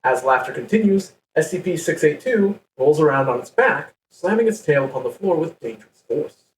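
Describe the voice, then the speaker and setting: A man's voice: on the high side, lively intonation, a little fast. Echoey, distant male podcast host. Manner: playful, laughs while reading. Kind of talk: reading a story aloud to co-hosts. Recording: echoey, distant mic with faint background noise.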